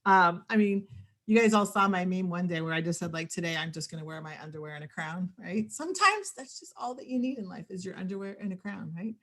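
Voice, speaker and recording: A woman's voice: fairly low pitch, fast, a bit bright. A woman hosts a team meeting over a video call in an upbeat, casual way, often tagging her sentences with a question. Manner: upbeat and casual, tags lines with "right?".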